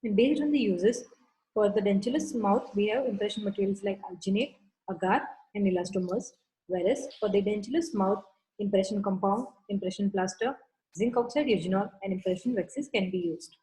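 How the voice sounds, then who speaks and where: A woman from India lectures on dental materials, working through classifications step by step in a methodical, instructional manner. Her medium-pitched voice is warm and a little fast, captured in a low-quality recording.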